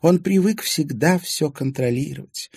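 A man's voice: fairly high pitch, measured pace, gravelly, a little mellow, breathy edge, dry recording, pitched above the performer's own voice, heavily acted. A man voicing a coquettish ironic older lady. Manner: gracious, coquettish, teasing. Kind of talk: audiobook character voicing.

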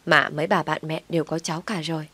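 A woman's voice: low voice, fairly even intonation, fast talker, bright, forceful tone, breathy edge, heavily acted. A woman reading a story aloud, voicing a young husband who speaks earnestly and holds back his feelings. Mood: gentle. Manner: pleading, insistent.

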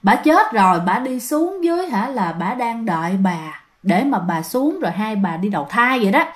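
A woman storyteller doing a calm old male spirit healer in a spoken ghost story, firm and plain-spoken, kept close to her own voice. He gives orders to the dead without fuss. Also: mid-range voice, moderate pace, close to an everyday voice.

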